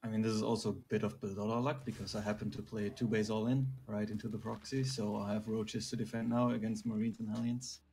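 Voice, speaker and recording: A man's voice: on the low side, level tone, fast talker, gravelly, few pauses, a little mellow, a little hiss or hum. A man from Germany explaining strategy as a guest player, often checking in with "right?". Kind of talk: casual game analysis.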